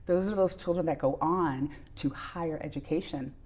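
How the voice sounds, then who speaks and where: Middle aged lady doctor being interviewed, low warm voice, explains stuff earnestly with examples. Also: normal speed. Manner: earnest, illustrates points with examples. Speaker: pediatrician, interview guest.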